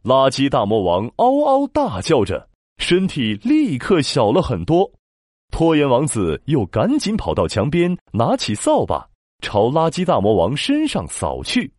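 A man narrating a children's story in a dramatic, expressive storytelling manner. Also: mid-range voice, a little slow, dry recording, clean studio sound. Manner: dramatic, expressive, with sound-word emphasis.

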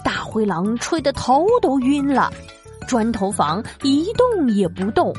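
A woman's voice: on the high side, big pitch swings, measured pace, a little mellow, faint music behind. A woman narrating a scripted story for children.

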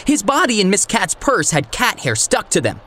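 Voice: mid-range voice, sing-song, moderate pace, bright, forceful tone. An actor voicing a confident male dog sheriff who explains and gives orders. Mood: urgent. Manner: commanding, explaining.

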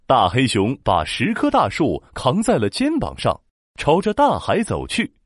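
A man narrating a children's story in an animated, expressive storytelling manner. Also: medium pitch, a little slow, husky, no echo, clean studio sound.

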